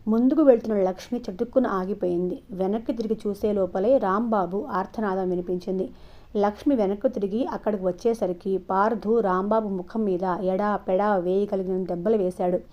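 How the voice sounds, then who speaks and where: A woman storyteller reading a novel aloud in a steady, expressive storybook style. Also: medium pitch, a little fast. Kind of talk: scripted narration of an audio novel. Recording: dull lo-fi recording.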